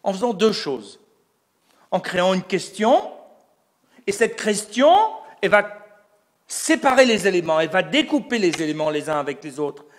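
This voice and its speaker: A man with a high-sitting, animated voice delivers a recorded lecture on religious texts at a moderate pace, pausing often. Building his case step by step, he explains each point and raises rhetorical questions only to answer them himself.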